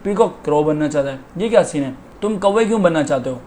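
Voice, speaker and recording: A man's voice: on the high side, lively intonation, fast, warm tone, a little hiss or hum, close to an everyday voice. A man voicing an unhappy male crow who feels nobody values him, speaking in a plain complaining tone. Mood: baffled.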